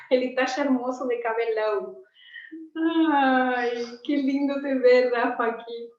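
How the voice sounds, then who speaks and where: A woman in her forties talks on a video call with a slightly high voice, chatty and affectionate. She sounds distant from her laptop mic, in a roomy space with a dull, muffled tone. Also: fairly even intonation, slow pace. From Argentina. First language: Spanish. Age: 40s. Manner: chatty and affectionate, laughs often. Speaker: teacher. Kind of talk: casual chat on a video call.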